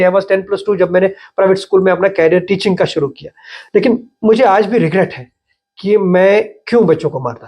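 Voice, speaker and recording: A middle-aged man as the education expert guest in a podcast interview, talking in a thoughtful way with many pauses, fillers and restarts. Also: high-pitched, darkish tone.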